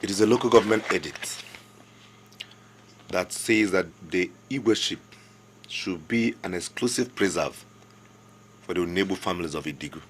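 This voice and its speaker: A man's voice: deep voice, moderate pace, pauses often, slight background noise, natural voice. An actor playing a respectful but insistent young local government chairman with a Nigerian accent, earnest and deferential while pressing his point. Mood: urgent. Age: young adult. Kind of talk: film drama acting.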